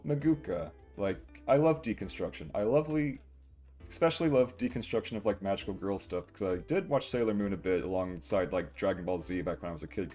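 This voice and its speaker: A young adult man livestreams with a lowish, slightly mellow voice, rambling casually to viewers, chuckling and now and then acting out short quotes. Guitar music plays in the background.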